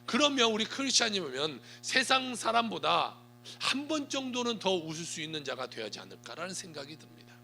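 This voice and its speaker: A male pastor preaching with a high, very bright voice that swoops up and down. His tone has a gravelly edge, and he slows down for scripture. Soft music and a low hum sit behind him. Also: big pitch swings. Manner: emphatic preaching with rising and falling delivery, slowing down for scripture. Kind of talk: sermon.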